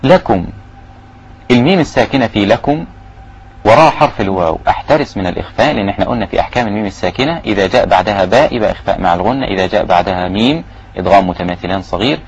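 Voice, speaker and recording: A man with an Egyptian accent teaching Quran recitation, giving quick explanations broken by slow, drawn-out recited phrases. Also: on the low side, animated, lo-fi sound, a little hiss or hum. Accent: Egyptian Arabic. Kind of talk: recitation lesson.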